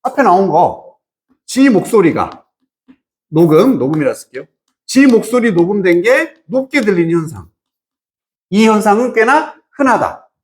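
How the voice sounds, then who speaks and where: A man's voice: high voice, very animated, normal speed, darkish tone. A man teaching English to students, casually explaining a reading passage and often quizzing them with short questions. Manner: checks understanding with frequent quiz-like questions; mixes English phrases into explanation. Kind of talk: lecture explaining an exam passage.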